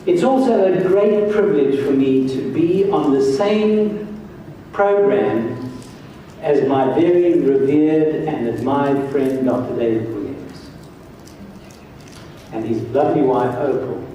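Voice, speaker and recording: An older man from South Africa addressing a congress as a church health director, speaking slowly and earnestly. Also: mid-range voice, mellow, muffled recording, a little hiss or hum. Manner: slow, earnest, emphatic. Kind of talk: conference address and prayer. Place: large hall, on stage. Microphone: far camera, room mic. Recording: very echoey hall from far off.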